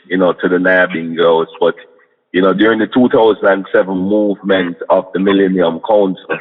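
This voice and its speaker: A man with a Jamaican accent speaking in Rasta manner, reasoning reflectively and with measured pauses in an interview. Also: deep voice, narrow, tinny audio. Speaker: interview guest, Rastafari community member. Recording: band-limited radio-like sound with long reverb.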